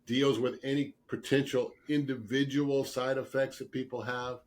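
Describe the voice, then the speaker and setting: Here the interviewed dentist, whose specialty is dental sleep medicine, explains earnestly at a moderate pace with little pitch movement. His mid-range voice is slightly rough as he shakes off a cold, punctuated by coughs and throat clearing, and he repeats words to drive points home.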